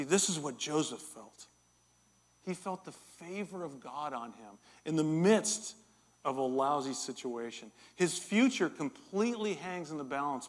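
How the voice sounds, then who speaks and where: Middle-aged male pastor, lively sermon storyteller, self-mocking, slightly high voice. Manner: animated, self-deprecating storyteller. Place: church.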